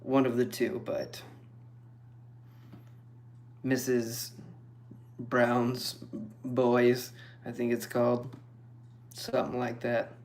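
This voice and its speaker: A man streaming and chatting casually with viewers, relaxed and rambling. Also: mid-range voice. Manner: relaxed, rambling, slow and even. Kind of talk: casual chat.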